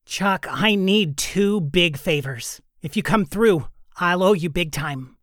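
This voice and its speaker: A man's voice: high-pitched, takes it slowly, a bit bright, no echo, clean studio sound, voice pushed up. A man voicing a determined woman starship leader in a storybook, speaking urgently and insistently.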